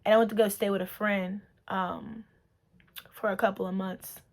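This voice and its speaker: A woman's voice: medium pitch, level tone, normal speed. Earnest woman sharing her testimony. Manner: earnest and emotional, full of "like" and repeats. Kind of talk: personal testimony vlog.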